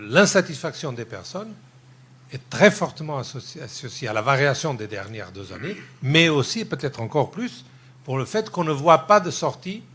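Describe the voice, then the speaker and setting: A man from Portugal poses a long question from the audience at a lecture. His voice is husky and slightly breathy, and he gropes for words as he talks. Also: medium pitch, a bit bright. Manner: thinking aloud, searching for words. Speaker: audience member asking a question.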